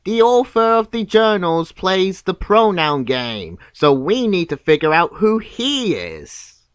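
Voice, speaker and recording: A man giving scripted, nitpicking video commentary in a deadpan, sarcastic manner. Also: high voice, slow, no room sound. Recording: clear background noise.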